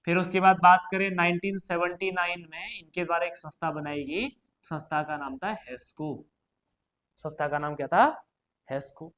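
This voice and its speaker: A man's voice: on the high side, little pitch movement, normal speed, a bit bright. A man teaching an exam prep lesson, quizzing students and repeating each question and answer, chatty and addressing them directly. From Uttarakhand, India.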